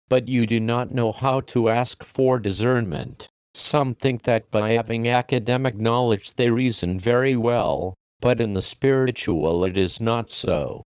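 A man giving a solemn, measured scripted reading of a religious message, slowing down for the scripture references. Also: medium pitch, darkish tone, smooth, no room sound, clean studio sound. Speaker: reader of a religious prophecy message.

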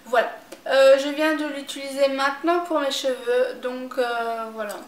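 A young woman, chatting casually about a shopping haul as a beauty vlogger, hesitant and pausing often with filler sounds. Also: high voice, steady tone. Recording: echoey room.

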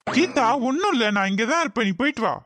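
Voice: medium pitch, sing-song, fast, fairly bright tone, no room sound. A voice actor playing an earnest, helpful young man in a cartoon, speaking in a soothing, reassuring way. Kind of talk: cartoon voice acting.

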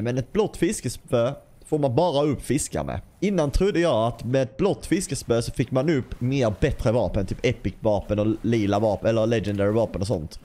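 A man's voice: medium pitch, warm tone. A man giving casual gameplay commentary as a gaming YouTuber, chatty, swearing lightly and talking straight to his viewers. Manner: bursts into playful scatting and sound effects.

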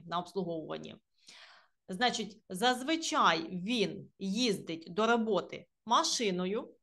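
A young woman gives an English grammar lesson on video. She reads each example slowly, then explains it with patience, and her pitch moves up and down a lot. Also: fairly bright tone. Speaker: English teacher.

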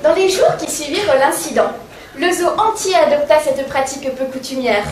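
High-voiced woman telling a rhyming comic tale. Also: expressive, normal speed, a crowd in the background. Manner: sing-song, mock-innocent. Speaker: comedian. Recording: echoey stage sound from far off.

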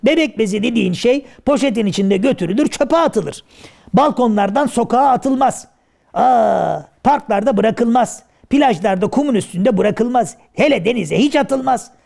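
A man voicing Karagöz, a cheeky, clumsy comic figure in a children's shadow puppet play, chattering excitably and crying out "ay". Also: very high voice, normal speed, gravelly, full character voice. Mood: scolding. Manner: excitable and chatty, with lots of cries of "ay".

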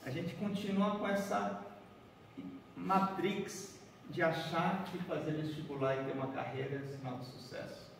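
A man's voice: fairly high pitch, level tone, a little slow, vocal fry, slight background noise. A man in his forties giving an origami talk to a group in a large conference room. He is chatty and keeps checking in with his listeners as he walks and folds paper. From Bahia, Brazil. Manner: chatty, keeps asking "né?" and "certo?", walking and folding paper. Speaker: origami speaker. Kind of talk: workshop talk to a seated group. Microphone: far room camera, no mic seen. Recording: echoey hall heard from far off.

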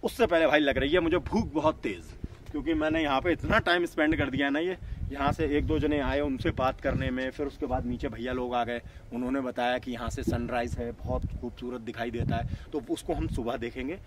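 A man's voice: mid-range voice, fairly even intonation, fairly quick, background noise. Chatty man camping outdoors at night. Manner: chatty, keeps calling viewers brother. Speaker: vlogger. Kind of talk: casual solo camping vlog. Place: outdoors at night beside a tractor caravan on a hilltop.

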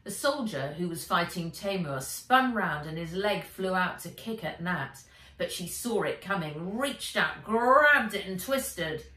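Reading her own adventure book for children, a middle-aged author narrates expressively and dramatically in a lowish voice at an unhurried pace. The setting is a bright indoor room with an armchair, and she sits far from the mic, giving a roomy, echoey sound.

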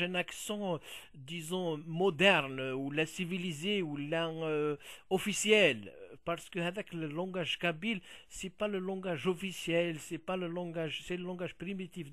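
Halting Algerian man, slightly high voice. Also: fairly bright tone, no room sound. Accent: Algerian Arabic. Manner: halting, many repeated words, switches often into French. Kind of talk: casual conversational explanation.

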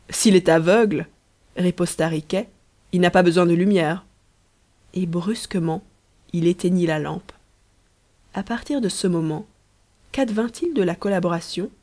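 A woman reading a novel aloud as an audiobook narrator, in a measured storytelling manner. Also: medium pitch. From Belgium. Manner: measured storytelling, lively dialogue. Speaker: audiobook reader. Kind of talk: scripted narration.

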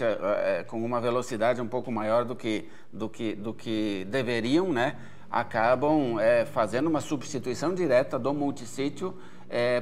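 Here a Brazilian agronomy researcher in his forties answers audience questions as an expert, recorded on an event stage. His pitch is medium, and he explains with care while leaning on frequent hesitation fillers.

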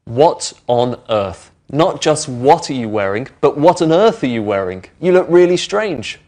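A middle-aged man presenting a lesson in a studio, explaining patiently and clearly. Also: medium pitch, very animated, unhurried, a little mellow. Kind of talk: friendly teaching explanation. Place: indoor studio with brick walls.

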